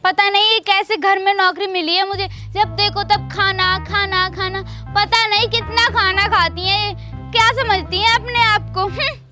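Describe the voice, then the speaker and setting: A woman's voice: very high voice, steady tone, moderate pace, music in the background. A woman playing a fed-up housemaid who mutters sarcastic complaints about her mistress in a comedy skit. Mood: grumbling.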